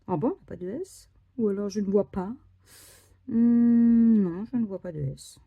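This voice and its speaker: A woman scratching lottery tickets on camera, commenting slowly and often dropping to a whisper. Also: medium pitch, creaky, phone-quality sound. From France. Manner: slow, murmuring, often drops to a whisper. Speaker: scratch card vlogger. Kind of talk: casual scratch card commentary.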